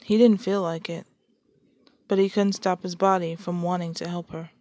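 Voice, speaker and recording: A woman's voice: fairly low pitch, steady tone, normal speed, dark tone, dry recording. A woman hosting her own podcast, chatting casually and then reading a story aloud. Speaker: podcast host and story reader. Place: shared home.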